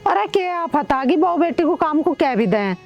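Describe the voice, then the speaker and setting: An older woman with a Haryanvi accent playing a sharp-tongued, proud village mother who scolds and dismisses others. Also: sits high, lively intonation, moderate pace, lo-fi sound, faint music behind. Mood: defensive. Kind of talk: Haryanvi film acting.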